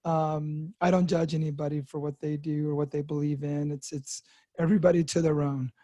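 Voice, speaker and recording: A podcast host in his fifties shares his recovery story in a candid monologue, halting often with fillers and restarts as he searches for words. His mellow voice sits a little high for a man and stays level. The recording is close, dry, and muffled.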